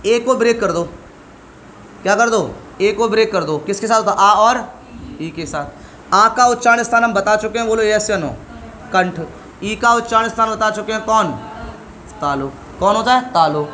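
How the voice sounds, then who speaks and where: A man's voice: high voice, normal speed, bright, forceful tone, slight background noise. A middle-aged male teacher giving a classroom lesson, asking questions and answering them himself while drilling sounds.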